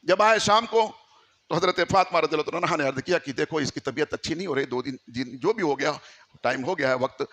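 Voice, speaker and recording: A man's voice: a little high, a little fast, fairly bright tone. A man from India preaching a storytelling sermon, emphatic and exhorting his listeners.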